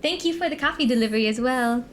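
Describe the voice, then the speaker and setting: High-pitched, cute anime-streamer young woman. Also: fast, slight background noise. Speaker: streamer and co-host. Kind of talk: casual livestream chat.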